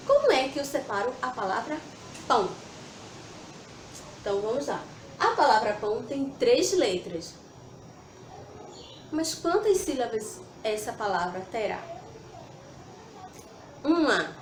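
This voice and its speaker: A woman teaches young children in a slow, patient way, sounding out each word one part at a time. Her voice sits a little high. The room is echoey, with a faint hum of ambience behind her. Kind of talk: children's lesson.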